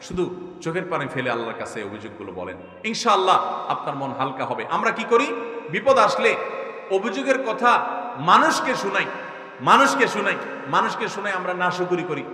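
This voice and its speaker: Impassioned preacher with a bright, ringing voice. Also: male voice, high-pitched, very animated, moderate pace. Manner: impassioned, swings between loud exhortation and soft pleading; scolds the sound crew over mic noise. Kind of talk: outdoor religious sermon. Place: large religious gathering. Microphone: PA microphone. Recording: echoey hall with long reverb.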